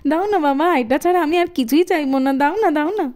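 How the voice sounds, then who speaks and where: A woman's voice: sits high, fast, darkish tone, lightly acted. A woman voicing an insistent young village girl in a doll cartoon. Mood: pleading. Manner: insistent, begging.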